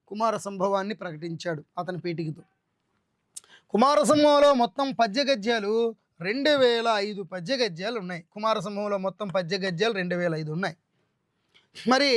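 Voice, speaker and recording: A man with a strikingly high voice leads an exam-prep lesson. He works through answer options and lists terms one by one, with frequent repetition. The sound is dry and close. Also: a bit bright, dry recording. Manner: addresses students directly, checking options. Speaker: Telugu literature teacher.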